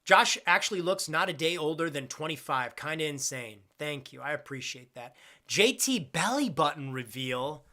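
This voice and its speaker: A man's voice: on the high side, lively intonation, normal speed, sharp tone. A man in his twenties chatting casually on a live stream, reading out viewer questions and rambling with jokes at his own expense. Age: 20s. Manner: rambling, self-deprecating, jokey.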